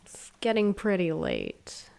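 A woman in an intimate adult role-play, softly and tenderly murmuring sweet nothings to a lover. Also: on the low side, huge pitch swings, takes it slowly, creaky.

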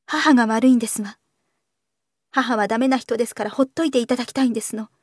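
A woman's voice: fairly high pitch, fairly even intonation, a little fast, dark tone, dry recording, clean studio sound, close to an everyday voice. A woman voicing a well-bred young woman who pleads in polite, formal speech with a trembling voice.

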